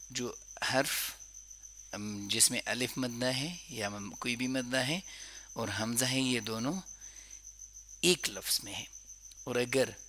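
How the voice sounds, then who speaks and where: A man teaching Quran recitation, drawing out verses slowly and repeating wrong and right forms to correct pronunciation. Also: mid-range voice, bright, forceful tone, a little hiss or hum. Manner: slow drawn-out recitation between quick explanations. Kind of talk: tajweed lesson.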